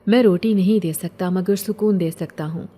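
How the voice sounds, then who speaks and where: A woman voicing an ancient, gentle male jinn who speaks in a calm, poetic, consoling way. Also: fairly low pitch, lightly acted. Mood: calm, tender.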